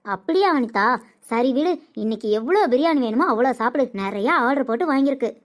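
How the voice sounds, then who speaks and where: A woman's voice: high voice, expressive, fast talker. A woman voicing a cheeky, teasing young wife who talks back to her mother-in-law in a cartoon. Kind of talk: cartoon comedy voice acting.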